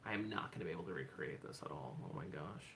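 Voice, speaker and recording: Casual livestream guy at home: low, gravelly voice that swings up and down, excitable, thinks out loud. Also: quick pace, a little hiss or hum. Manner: excitable, thinks aloud, repeats "hold on" and "oh my gosh". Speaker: livestreaming speedcuber. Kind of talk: casual livestream self-talk.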